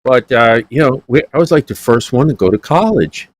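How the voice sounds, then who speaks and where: A man's voice: medium pitch, lively intonation, brisk, slight background noise. A man hosting a Bible study show, telling folksy jokes and stories in casual chat. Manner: joking storyteller, folksy. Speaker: Bible teacher and show host.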